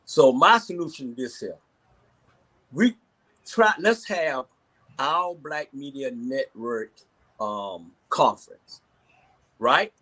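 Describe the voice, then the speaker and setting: A man's voice: medium pitch, expressive, takes it slowly, pauses often, fairly bright tone. A man in his sixties with a Southern American accent speaking informally as a panelist in a casual discussion, often repeating his phrases. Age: 60s.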